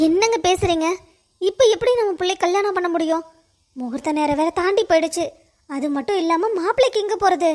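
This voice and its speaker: A woman's voice: very high voice, brisk, darkish tone. A woman doing a stubborn, anxious cartoon mother. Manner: pleading then stubbornly arguing.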